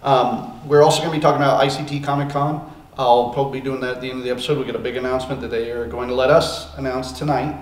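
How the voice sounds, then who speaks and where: A man's voice: mid-range voice, fairly even intonation, very fast. A man hosting a podcast in casual chat, rambling with plenty of ums and uhs. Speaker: podcast host. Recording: echoey room, distant mic, faint noise.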